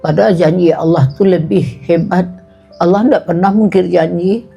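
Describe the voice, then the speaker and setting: Woman religious speaker, husky dark voice, unhurried homely delivery. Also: lowish voice, fairly even intonation, highs cut off, faint music behind. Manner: homely, colloquial, repeating points with "nah" and "tuh". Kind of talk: casual religious talk to staff.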